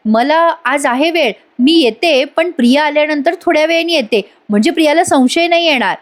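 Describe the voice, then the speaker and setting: A woman's voice: sits high, normal speed, voice pushed up, natural voice. A woman voicing a sensible young daughter-in-law who answers politely and reassuringly.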